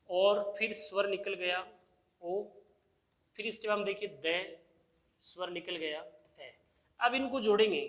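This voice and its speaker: Guy teaching grammar at the board, kinda high voice, asks then answers his own questions. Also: sharp tone. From India. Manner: asks the class questions and answers them himself, repeating key terms. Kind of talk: exam-prep grammar lesson.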